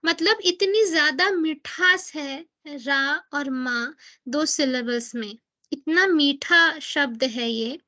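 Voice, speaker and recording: Woman giving a devotional class, high bright voice, chatty explaining. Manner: explains in chatty mixed Hindi and English, asks and answers her own questions; reads English book passages slowly and deliberately.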